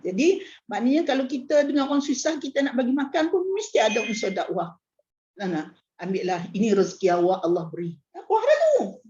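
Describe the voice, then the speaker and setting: In a prayer hall class, a woman religious teacher gives a casual hadith lesson, chatting, joking, laughing, and repeating "nak, nak" as a filler. Her voice is on the high side with a darkish tone, captured on a dull lo-fi recording.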